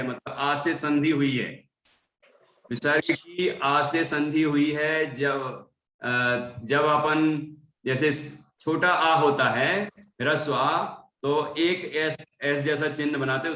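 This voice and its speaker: A man leads a class, patiently correcting pronunciation and repeating each syllable. His voice is bright and he speaks slowly, sounding in an echoey room. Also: fairly high pitch. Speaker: Sanskrit recitation teacher.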